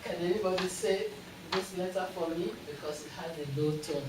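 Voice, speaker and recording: Teacher leading a tone drill in an echoey hall. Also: male voice, sits high, fairly quick. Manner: repeats words, has the audience echo syllables. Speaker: language instructor. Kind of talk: teaching a tone lesson to an audience. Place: university lecture hall. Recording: far from the mic, echoey, loud hall noise.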